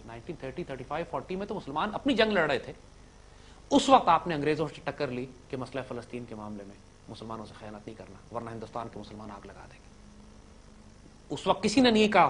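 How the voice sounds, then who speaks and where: A man giving an impassioned lecture to young listeners, swinging from loud emphatic peaks to low drops and mixing in English words. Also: a little hiss or hum. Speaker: speaker addressing young listeners.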